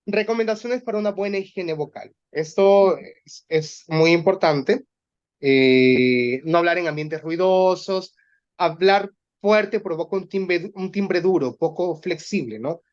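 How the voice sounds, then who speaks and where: Male voice coach, high-pitched, patient explainer, muffled lo-fi recording. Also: a little slow. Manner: explanatory, demonstrates exercises aloud. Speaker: voice workshop instructor for teachers. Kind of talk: online workshop teaching.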